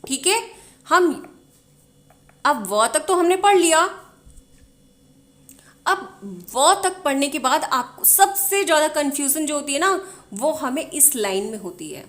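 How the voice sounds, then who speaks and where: Slow, high-voiced woman teaching letters. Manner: sounds out each letter, repeats and checks in. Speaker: Hindi teacher. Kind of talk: slow alphabet lesson.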